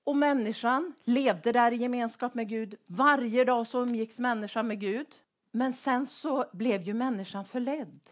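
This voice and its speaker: A woman preaching a sermon in a conversational way, asking the same questions again and again. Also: a little high. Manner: rhetorical, repeats questions; conversational with fillers.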